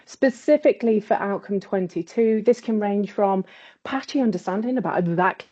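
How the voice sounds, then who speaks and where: A webinar chair with a medium-pitched voice speaks at a normal speed, welcoming people in a warm, eager tone. Her online panel runs over a video call with a bad connection, so the dull, lo-fi audio keeps cutting out.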